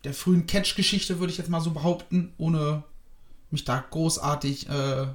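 A man's voice: on the high side, steady tone, moderate pace, roomy sound. A man giving a casual spoken review of a wrestling show, hesitant and rambling with many fillers.

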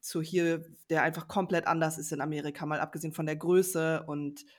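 A woman's voice: deep voice, steady tone, a little fast. A woman co-hosting a podcast, asking questions in casual chat and rephrasing as she searches for words. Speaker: podcast co-host.

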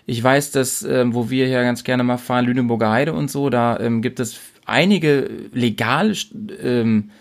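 Relaxed man thinking aloud on a podcast. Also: mid-range voice, normal speed, few pauses. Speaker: podcast co-host. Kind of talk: casual chat.

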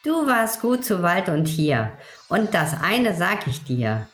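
A woman voicing a gentle, kind little male Christmas elf, who speaks in soft soothing rhymes. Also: on the low side, very animated, slow pace. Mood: comforting. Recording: roomy echo with faint music.

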